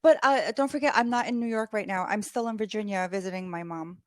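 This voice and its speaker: A woman's voice: mid-range voice, fast, dry recording. A woman tutoring English over a video call, chatting casually with lots of "like" and "um" fillers. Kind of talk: casual conversation practice.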